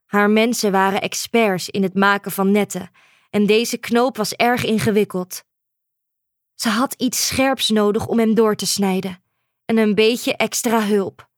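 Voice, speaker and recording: Woman reading a kids' story, slow and calm, dry close mic. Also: medium pitch, no echo. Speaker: narrator.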